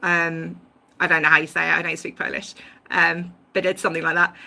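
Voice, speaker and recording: A woman's voice: on the low side, little pitch movement, fairly quick, creaky, sharp tone. A woman hosting a casual livestream, talking through her views at length with many ums and restarts. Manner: rambling, many ums and restarts, self-aware about tangents. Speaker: YouTube livestream host. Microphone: home livestream mic.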